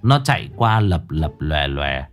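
A man narrating a comic folk story in an animated, mocking way. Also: extremely low pitch, measured pace, clean tone, faint music behind.

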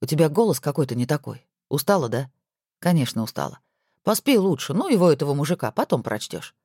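A woman's voice: deep voice, sing-song, fast talker, dark tone, dry recording, exaggerated voice. A woman voicing a teasing, self-important rich husband on the phone, with dry mock-pompous humor.

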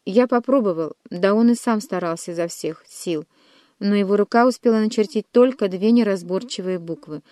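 A woman's voice: medium pitch, warm tone, no room sound, clean studio sound, lightly acted. A woman reading an audiobook, voicing a sober male court astrologer who reports news plainly.

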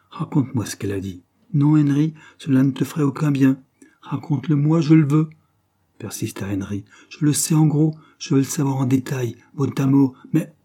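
A man reading a classic novel aloud as an audiobook, narrating in a measured way and raising his voice for agitated dialogue. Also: on the low side, mellow, slightly rough. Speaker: audiobook reader.

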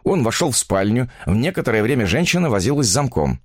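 A man reading a story aloud as narrator in an expressive, dramatic way. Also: medium pitch, quick pace, husky, dry recording, clean studio sound. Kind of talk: audiobook reading.

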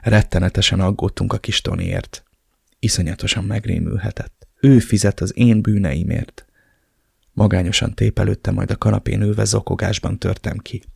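A man's voice: fairly low pitch, fairly even intonation, vocal fry, a little mellow, husky, no echo, clean studio sound. A man narrating a novel in the first person with a dramatic, emotional reading. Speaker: audiobook narrator.

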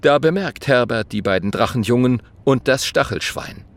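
A man narrating a children's audiobook, lively and playing many characters. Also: mid-range voice, moderate pace. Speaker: storyteller.

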